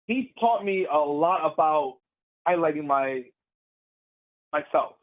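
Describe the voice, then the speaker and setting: Animated, high-voiced wrestler telling stories. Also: male voice, takes it slowly, narrow, tinny audio. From Puerto Rican heritage. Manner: animated, laughing, acts out crowd voices. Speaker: guest, professional wrestler. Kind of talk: casual interview storytelling.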